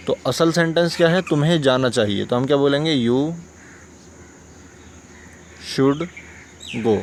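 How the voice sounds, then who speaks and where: Male teacher with a Hindustani accent, mid-pitched, patient explainer, faint background noise. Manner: patient, repeats examples, asks checking questions. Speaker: English teacher. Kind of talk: explaining grammar lesson.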